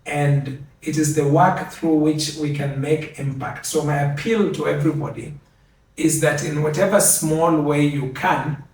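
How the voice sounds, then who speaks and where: An older man from Kenya giving a measured, earnest acceptance speech, repeating key phrases for emphasis. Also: a little high, a little mellow. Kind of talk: formal speech. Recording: very echoey, from a distance.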